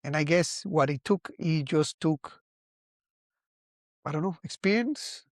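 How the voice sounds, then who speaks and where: A Costa Rican vlogger in his forties muses aloud in a reflective, casual monologue, speaking haltingly and restarting many times. His voice is a little high, and the clean studio recording has no echo.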